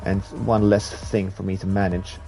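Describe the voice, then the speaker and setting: In a rough recording with faint music in the background, a deep-voiced Swedish man speaks at a moderate pace with a level, warm tone. Swedish is his first language, and he chats in English with viewers while racing on a live stream. He reads the chat aloud, rambles happily, and laughs at his own expense.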